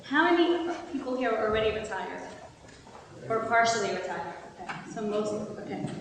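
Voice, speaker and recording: A woman giving a calm, steady talk to an audience as a guest speaker. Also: medium pitch, normal speed. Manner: calm, steady, tells a story. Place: large hall with an audience. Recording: echoey hall, mic from far off, noisy.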